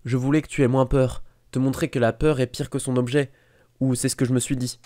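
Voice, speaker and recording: A man's voice: mid-range voice, little pitch movement, a little fast, warm tone, voice pushed up, close to an everyday voice. A man reading as an earnest young boy wizard. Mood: remorseful. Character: eleven-year-old boy wizard, clever, intense.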